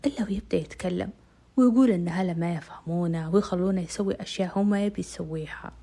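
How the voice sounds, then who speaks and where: A woman's voice: on the low side, quick pace, creaky, dark tone. A woman narrating a dramatic first-person story in an intimate way, slipping into whispers. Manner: intimate, dips into whispers at tense moments.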